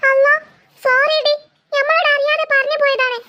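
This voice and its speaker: A woman's voice: extremely high pitch, level tone, moderate pace, lo-fi sound, very noisy. A woman voicing a blundering, blunt little boy. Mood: blurting. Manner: stammering, blurting.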